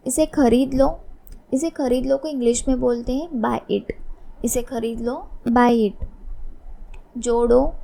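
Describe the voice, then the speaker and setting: Woman English tutor, high voice with fry, mellow tone, patient and repetitive delivery. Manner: repeats each phrase slowly, explaining in Hindi. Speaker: English teacher. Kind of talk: spoken English lesson.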